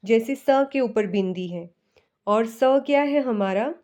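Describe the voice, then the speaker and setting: Slow, high-voiced woman teaching a lesson. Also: expressive, warm tone. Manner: questions and answers herself, drills sounds slowly. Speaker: Hindi teacher. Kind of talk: classroom-style lesson.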